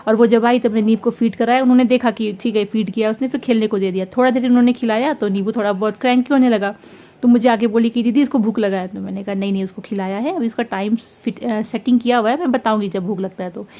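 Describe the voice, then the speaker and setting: A young woman vlogging at home, telling a story about her day with quoted dialogue while feeling unwell and tired. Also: on the high side. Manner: fast, animated recounting with quoted dialogue. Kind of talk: casual vlog storytelling.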